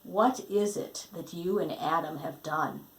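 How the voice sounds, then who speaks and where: A woman's voice: lowish voice, echoey room, close to an everyday voice, poor audio. Stern, commanding God read by a woman. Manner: stern, measured.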